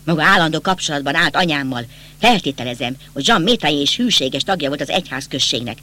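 A man's voice: fairly high pitch, animated, bright, forceful tone. A man voicing a bitter, agitated young nobleman in an audiobook, speaking insistently and accusingly. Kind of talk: audiobook character reading.

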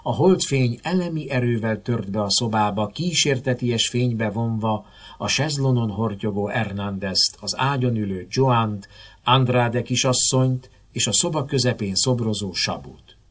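A man narrating a first-person novel aloud in a dramatic, expressive storytelling manner. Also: mid-range voice. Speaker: audiobook narrator.

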